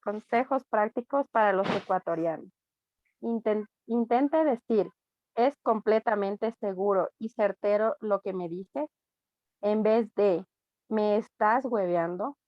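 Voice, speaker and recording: A woman with an Ecuadorian accent, a student reading a text aloud in class, steady with small slips. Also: medium pitch, slow, dry recording, lo-fi sound. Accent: Ecuadorian Spanish.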